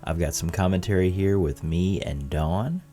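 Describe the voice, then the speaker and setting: A man's voice: deep voice, moderate pace, mellow. A man hosting a card game commentary, opening the show with a plain, apologetic welcome through a faulty mic that makes his audio sound muffled and underwater. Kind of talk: casual spoken show intro.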